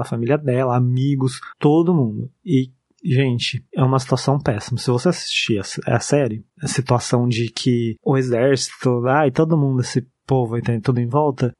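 A man's voice: mid-range voice, a little mellow, no echo, studio quality. A man with a Brazilian Portuguese accent, co-hosting a podcast, talking in a rambling, hesitant casual way. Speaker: podcast co-host. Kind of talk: casual chat.

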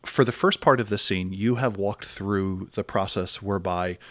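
A man's voice: lowish voice, moderate pace, a bit bright, slight background noise. A man narrating a tabletop game as game master in a descriptive, thoughtful way. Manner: descriptive, thoughtful, with frequent fillers.

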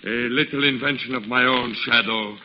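An actor playing a cunning, sinister hypnotist villain in a 1940s radio drama, with a sly, gravelly voice. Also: male voice, medium pitch, steady tone, normal speed, a little hiss or hum, close to an everyday voice. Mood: scheming. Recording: muffled old 1940s radio broadcast.

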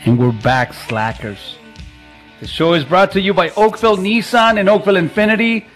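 Guy hosting live radio from home over a video call, high voice, joking around a lot. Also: moderate pace, fairly bright tone, soft background music. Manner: chatty, jokey, laughs often. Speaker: radio show host. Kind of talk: casual live radio talk.

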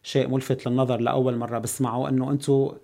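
Male host, mid-pitched, brisk formal interviewer. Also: flat delivery, vocal fry, warm tone. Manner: polite, formal introducing. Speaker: podcast host. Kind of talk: podcast interview.

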